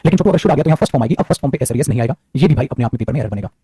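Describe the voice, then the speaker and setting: Fast-talking male teacher, husky dark voice, dry close sound. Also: mid-range voice, no echo. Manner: rapid, animated, addresses students as beta. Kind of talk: classroom grammar lecture.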